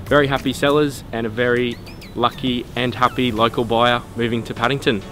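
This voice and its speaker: A man's voice: medium pitch, little pitch movement, brisk, pushed and bright. A young Australian man, a real estate agent, giving a promotional summary to camera outdoors. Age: young adult. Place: outdoors in a leafy front yard.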